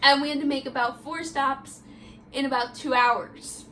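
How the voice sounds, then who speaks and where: A woman's voice: high-pitched, steady tone, moderate pace, fairly bright tone, slight background noise. A young woman vlogger chatting casually, telling a story with lots of "like" fillers. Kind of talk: casual chat.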